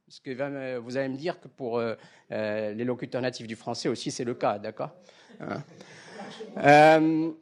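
Guy lecturing a class, voice jumps up and down a lot, kinda high for a man. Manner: checks in often with the class, demonstrates sounds aloud.

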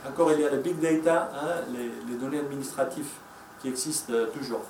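A man with a darkish, medium-pitched voice and a Spanish accent gives a faltering conference presentation a little fast, restarting and using many fillers; Spanish is his first language. The far-off mic in the echoey room picks up slight background noise.

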